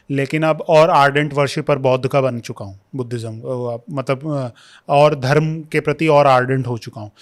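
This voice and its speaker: In a podcast interview, a young history scholar gives lengthy explanations in Hindi sprinkled with English terms. He's a young adult with a slightly high voice and a clean tone.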